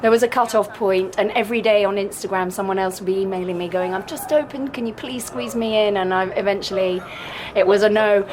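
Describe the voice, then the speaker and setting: A woman from England talks as a guest author on a sauna bench, her speech chatty and enthusiastic. Her voice sits at an ordinary pitch for a woman, with faint noise behind it. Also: brisk. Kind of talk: casual interview chat. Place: inside a sauna at an outdoor festival.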